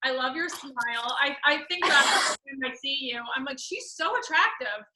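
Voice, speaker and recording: A woman with a high, strikingly bright and forward voice hosts a casual podcast chat. Her manner is informal and effusive, with loose conversational phrasing. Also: fairly quick, reverberant, rough recording. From Westchester, New York. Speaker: podcast host.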